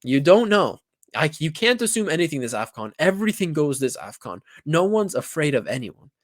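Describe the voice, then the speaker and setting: A young man talks through a football match he watched, voice a little higher than most men's, and he acts out each big moment as he goes. He swears freely and gets carried away. He sounds close to the mic in a dry room. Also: brisk, dry recording. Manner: animated, swears, acts out reactions. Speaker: football reaction vlogger. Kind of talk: excited casual commentary.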